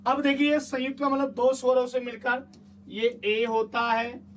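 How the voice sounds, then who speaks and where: A man's voice: extremely high pitch, level tone, unhurried, a bit bright, distant mic, slight background noise. A man teaching a grammar lesson for exam students, chatty and coaxing, often stopping to check that the class follows.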